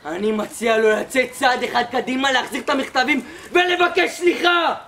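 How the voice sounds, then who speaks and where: A woman's voice: high voice, fairly bright tone. A young woman in an amateur school stage play, acting a strict, mocking squad commander who bullies recruits. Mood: barking, mocking. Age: teen or young adult. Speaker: student actor. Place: school theatre hall. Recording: live stage, audience noise.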